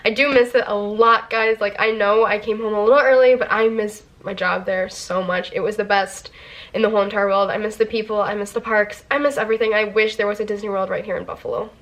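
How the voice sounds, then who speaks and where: A woman's voice: medium pitch, fairly even intonation, quick pace. A young woman vlogger casually telling stories to her camera, chatty and full of "like" fillers. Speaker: vlogger, former theme park worker.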